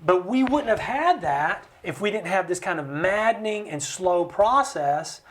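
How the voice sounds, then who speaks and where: An American man speaking as a studio interview guest. He explains with passion and acts out other people's voices with big swings in pitch. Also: lively intonation, unhurried, slight background noise. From United States. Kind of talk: impassioned conversational explanation. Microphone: studio mic.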